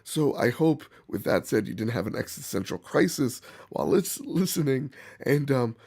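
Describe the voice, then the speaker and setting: A man hosting gaming commentary, speaking bluntly and emphatically in a rough, hoarse voice as if sick. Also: medium pitch, sing-song, normal speed, a little mellow. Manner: emphatic, opinionated, blunt, swearing. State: hoarse from bronchitis. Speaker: gaming channel host. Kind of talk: opinion commentary to camera or viewers.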